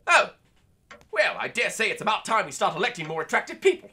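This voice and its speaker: In a comedy audio drama, an actor plays a pompous, panicky, callous lord of the manor, speaking floridly and theatrically in a British accent. His mid-range voice is sing-song, quick, sharp and slightly rough, heavily acted, and he sounds exasperated and disdainful.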